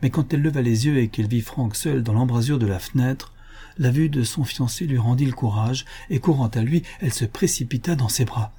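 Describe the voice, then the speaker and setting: Steady and measured, this audiobook narrator reads a classic novel aloud. He has a mid-range, slightly rough voice.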